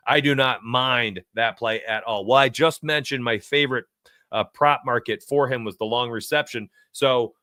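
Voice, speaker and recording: Man, betting-stream host, bright and animated, loose rambling delivery, dry close mic. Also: mid-range voice, no echo. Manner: animated, rambling, chuckles often. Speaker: sports betting show host. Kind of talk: casual livestream talk.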